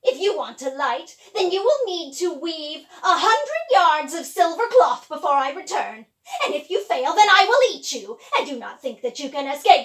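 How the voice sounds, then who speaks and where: A woman voicing a fierce, hungry old witch who chants loud threats. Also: high voice, far from the mic.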